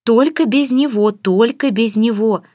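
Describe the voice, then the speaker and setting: A woman's voice: a little high, measured pace, mellow, dry recording, clean studio sound, voice pushed up, lightly acted. Woman voicing a petulant young bride. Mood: pleading. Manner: petulant, sarcastic, tearful. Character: capricious young bride, sulky and mocking. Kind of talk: audiobook character voice.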